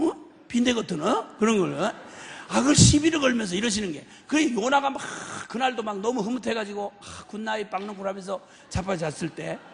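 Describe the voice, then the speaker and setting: A middle-aged man preaches with a high, lively voice and a gravelly edge. He tells the story with great drama, playing out both sides of the dialogue and moving from hushed lines to shouts. His voice rings through a hall with a long reverb. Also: slight background noise. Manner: dramatic storytelling, acting out God and Jonah in banter. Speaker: missionary preacher. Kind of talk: sermon.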